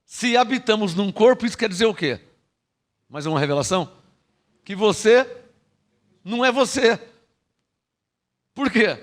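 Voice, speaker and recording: A man's voice: high-pitched, unhurried, pauses often. A man with a Brazilian Portuguese accent preaching a sermon, teaching with rhetorical questions and having the congregation repeat his phrases. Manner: lively, frequent rhetorical questions and laughs.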